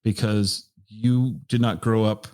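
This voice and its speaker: A man hosting an interview, asking questions in a halting way with restarts. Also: on the low side, fairly even intonation, a little mellow. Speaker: interviewer, host.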